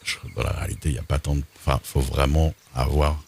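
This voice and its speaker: A man's voice: rumbling low, steady tone, fast talker, a little mellow, a little hiss or hum. A man chatting casually while streaming a game, laid-back and hesitant, often stopping on fillers. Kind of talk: casual gameplay chat.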